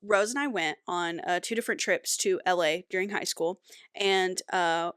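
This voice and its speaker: A woman's voice: lowish voice, normal speed, a bit bright, clear, resonant tone, no room sound, clean studio sound. A woman in her twenties co-hosting a podcast, rambling casually with lots of ums and uhs and apologizing for tangents. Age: 20s. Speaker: podcast co-host.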